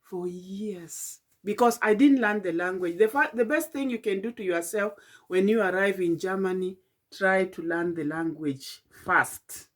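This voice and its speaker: A middle-aged Kenyan woman telling a late-night personal vlog in a tired, halting, reflective way, with many fillers and restarts. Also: medium pitch. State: tired and yawning. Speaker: vlogger.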